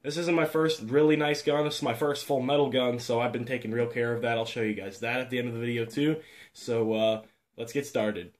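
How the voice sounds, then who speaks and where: Man, mid-range voice, casual home vlogger, halting and filler-heavy, laid-back and self-deprecating. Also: mid-range voice, fairly even intonation. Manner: rambling, halting, full of fillers and restarts. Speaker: airsoft gun reviewer. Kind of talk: casual show-and-tell vlog.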